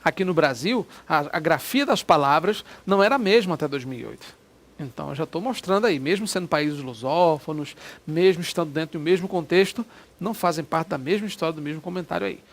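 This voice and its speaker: A man's voice: a little high, brisk. Chatty Brazilian man teaching grammar. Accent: Brazilian Portuguese. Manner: chatty, keeps checking in with listeners. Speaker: Portuguese language teacher. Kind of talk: exam prep lesson.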